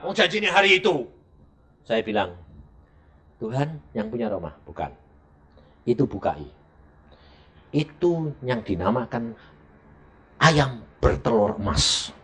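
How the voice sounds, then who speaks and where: A middle-aged male evangelist, preaching a sermon as a lively story and acting out the dialogue. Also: slow pace, long pauses. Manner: animated, acts out dialogue with sharp pitch jumps.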